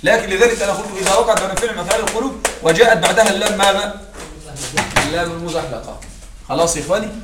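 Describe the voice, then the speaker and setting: A man's voice: high voice, rapid-fire. A man teaching an Arabic grammar class, often checking in with his students to make sure they follow. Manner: checks in with students often, greets arrivals mid-lesson. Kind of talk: classroom lesson. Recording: echoey room, distant mic, background noise.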